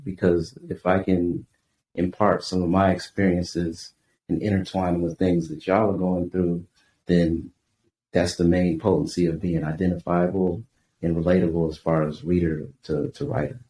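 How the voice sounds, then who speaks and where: A man from Tucson, Arizona speaks in a low, deep voice, easygoing and reflective, leaning on "you know" as he talks. The room is echoey, with a faint hiss of background noise. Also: little pitch movement, moderate pace, warm tone. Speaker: guest author. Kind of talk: casual podcast interview.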